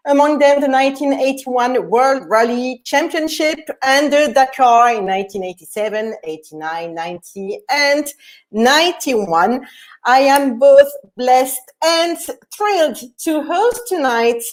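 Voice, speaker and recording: A woman with a high, light voice hosts an interview, first reading an introduction and then posing questions with small hesitations. She sounds admiring toward her guest. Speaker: interview host.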